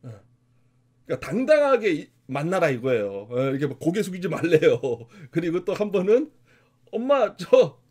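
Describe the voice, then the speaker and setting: A man from South Korea delivers a motivational lecture with lively, emphatic storytelling. His voice runs high and leaps around a lot. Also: brisk, breathy edge. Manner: animated, emphatic storytelling with laughs. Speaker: motivational speaker.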